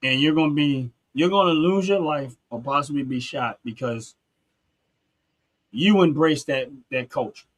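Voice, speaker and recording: A man's voice: fairly high pitch, a little slow. A man from Philadelphia hosting a casual talk show and speaking in an earnest, emphatic, preachy way. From Philadelphia, USA. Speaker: podcast host.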